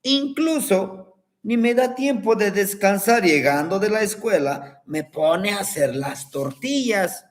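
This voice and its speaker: A man's voice: sits high, lively intonation, takes it slowly, hardly any pauses. A man voicing an upset young granddaughter who complains in an aggrieved way about unfairness. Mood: indignant.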